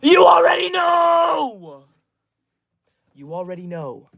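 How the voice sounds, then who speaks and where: A man's voice: very high voice, sing-song, slow pace, gravelly, raised voice, very noisy. A twenty-year-old man live streaming, reading out chat names and answering each message in a friendly, upbeat way. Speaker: livestreamer.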